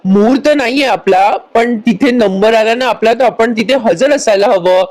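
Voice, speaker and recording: A woman's voice: on the high side, moderate pace, a little mellow, lightly acted. A woman voicing a middle-aged father in a serial recap, in her own plain reading voice. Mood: urging.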